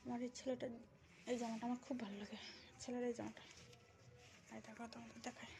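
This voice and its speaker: A young woman chatting casually to her viewers on a phone camera, at times speaking softly because her child is asleep. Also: on the high side, level tone, fast, creaky. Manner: chatty, talks softly while child sleeps. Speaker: vlogger. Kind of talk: casual home vlog chat. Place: home, then outdoors in a field.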